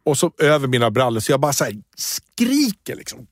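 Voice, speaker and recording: Animated, swearing male storyteller. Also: mid-range voice, no room sound, studio quality. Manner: animated storyteller who swears and acts out quoted shouting. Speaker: podcast co-host. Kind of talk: casual chat.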